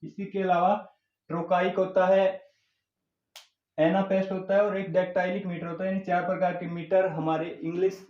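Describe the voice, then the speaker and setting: A man teaching an English grammar class, explaining slowly and repeating terms, mixing English words into his Hindi. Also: sits high, flat delivery. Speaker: English tutor. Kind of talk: classroom lecture. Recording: echoey room, dull lo-fi sound.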